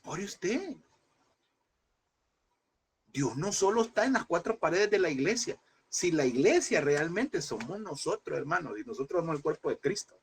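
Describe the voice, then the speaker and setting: A man's voice: fairly high pitch, big pitch swings, a little fast, husky. A man teaching a Bible class in a preaching style, emphatic and repeating phrases, often calling listeners brother.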